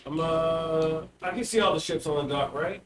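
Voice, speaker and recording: In an echoey recording with clear noise, a man with a slightly raised voice plays a tabletop game. He talks casually and hesitantly, half in character. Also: fairly high pitch, far from the mic. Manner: hesitant, halting.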